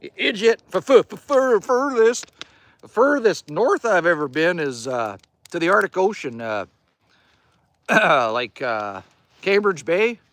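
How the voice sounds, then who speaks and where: Reading his viewers' comments during a casual livestream, a middle-aged Canadian man jokes and chats folksily from his cabin by the wood fire. The recording is dry, and his high, slightly bright voice moves through big pitch swings at an unhurried pace.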